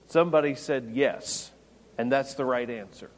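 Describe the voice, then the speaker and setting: A long reverb tail follows this pastor's medium-pitched voice as he preaches at a moderate pace. His sermon expounds on scripture, and quoted lines come out louder than the rest.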